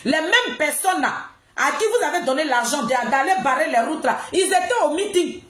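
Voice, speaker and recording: In an echoey room, a woman with an Ivorian accent rants about politics in a high voice. Her intonation swings widely as she scolds her audience and hammers phrases by repeating them. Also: lively intonation, moderate pace, a bit bright. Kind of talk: impassioned political monologue addressed to the public. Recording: roomy, echoing sound.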